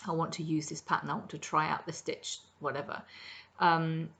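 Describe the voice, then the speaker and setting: Recorded indoors in her home kitchen, a middle-aged woman's crafting podcast is casual show-and-tell: she chats and rambles about her projects with many ums. Her voice sits low, slightly bright and level, at a moderate pace.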